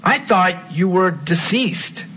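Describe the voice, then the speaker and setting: A man playing a wary, exasperated married man in a scripted drama, stern and deliberate. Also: high voice, expressive, sharp tone, slightly rough, heavily acted. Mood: incredulous, wary.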